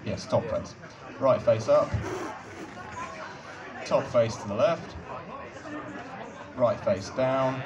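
A man's voice: medium pitch, muffled recording. A young man on an outdoor stage at night, politely giving step-by-step instructions into a handheld mic. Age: young adult. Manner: patient, polite, slow instructions with soft laughs. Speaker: instructor guiding a cube solve. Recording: distant mic with crowd and music.

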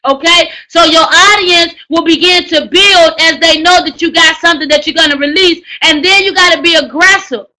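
A woman teaching a writing class, coaching loudly and repetitively in slangy, preacher-like exhortation. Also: very high voice, normal speed, few pauses, low-quality recording. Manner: loud, hollering, preacher-like exhortation. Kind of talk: live online class on book promotion.

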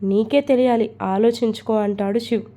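A woman's voice: fairly high pitch, fairly even intonation, brisk, dark tone, lightly acted. A woman voicing a sulky, teasing young husband who grumbles reproachfully in a storybook reading.

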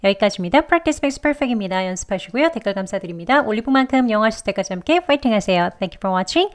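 A woman with a Korean accent teaching English pronunciation in a scripted lesson. She explains each step and then repeats the example phrases slowly. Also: mid-range voice, lively intonation.

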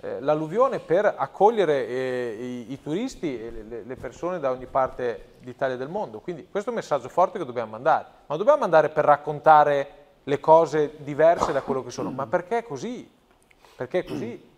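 A man's voice: on the high side, big pitch swings, normal speed. A man, speaking as a guest on a studio talk show, earnest and emphatic, often restarting his phrases. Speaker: provincial president, guest.

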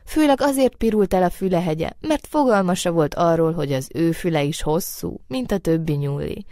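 Low-voiced woman reading a storybook. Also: lively intonation, mellow, no room sound, studio quality. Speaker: narrator. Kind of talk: storybook narration. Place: recording studio.

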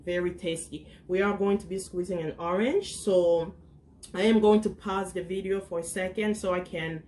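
Chatty mom demonstrating home cooking. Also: female voice, on the low side, steady tone, moderate pace, a little mellow. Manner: chatty, instructive, talks to her kids while cooking. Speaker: cooking vlogger and mother. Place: home kitchen, indoors. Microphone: camera on the counter.

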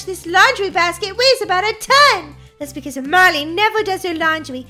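A cheerful young girl from a game story, eager and bubbly, voiced by a woman who pushes her pitch higher. Bright and bouncy, with a wide sing-song swing. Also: full character voice. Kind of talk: game role-play voice acting.

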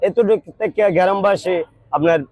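A man from the village giving a street interview, explaining the incident loudly in halting bursts. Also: high-pitched, dry recording. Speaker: local villager.

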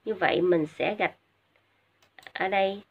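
A woman teacher with a Vietnamese accent giving a recorded English lesson, glossing each word in Vietnamese with frequent hesitant fillers and slow repetitions. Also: fairly low pitch, slightly rough. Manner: explains each word in Vietnamese, many filler sounds, drills English words slowly twice. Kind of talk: recorded video lesson for high school students. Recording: dull lo-fi recording.

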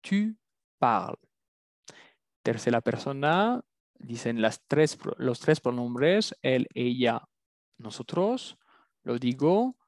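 A man teaching a language lesson, drilling words slowly and patiently. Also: mid-range voice, big pitch swings, dry recording, clean studio sound. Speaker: French teacher.

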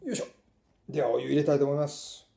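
Higher-voiced mellow Kansai man. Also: fairly even intonation, fast talker, creaky. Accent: Kansai Japanese. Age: middle-aged. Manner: muttering to himself as he works. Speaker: food vlogger. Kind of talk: casual chat while cooking and tasting. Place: small indoor room at a table.

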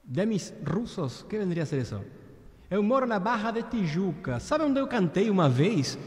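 During a live-streamed singing session, this Argentine-accented man in his thirties talks casually with viewers in a high, sing-song voice at a moderate pace. He flips between Spanish and Portuguese, groping for words; long reverb colors his voice in a small room with a virtual beach backdrop.

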